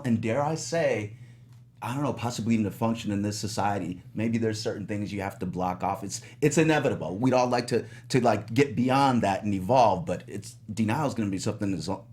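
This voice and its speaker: A man on a review show panel in a studio, musing out loud and rambling with many restarts. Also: lowish voice. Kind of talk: casual panel discussion. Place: studio in California.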